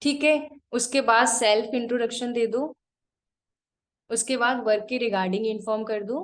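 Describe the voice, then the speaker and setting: A woman trainer teaching a live online class, giving direct instructions and repeating her points slowly so students can write them down. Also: fairly high pitch, steady tone.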